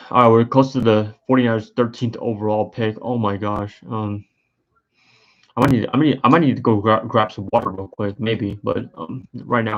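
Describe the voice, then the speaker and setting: A man's voice: fairly low pitch, muffled recording. Tired man rambling through draft commentary. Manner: rambling, hesitant, many fillers and restarts. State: tired and yawning. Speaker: sports streamer. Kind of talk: casual live-stream commentary.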